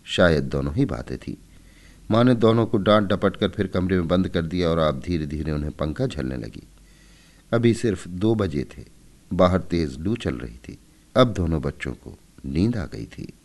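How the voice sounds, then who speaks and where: A man narrating a story in an expressive, measured storybook reading. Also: sits low.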